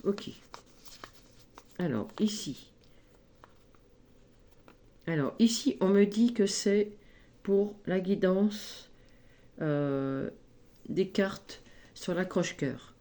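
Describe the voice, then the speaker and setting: A woman giving a spoken tarot card reading, slow and gently encouraging, often adding little tags as she goes. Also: mid-range voice. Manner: slow, gentle, encouraging, frequent "hein" and "ici".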